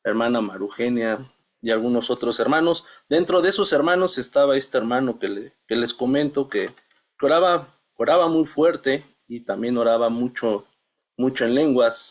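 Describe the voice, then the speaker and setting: A middle-aged man shares a testimony with his church Bible class. His voice sits at an ordinary mid pitch. He speaks earnestly and haltingly, restarting his sentences and calling his listeners brothers.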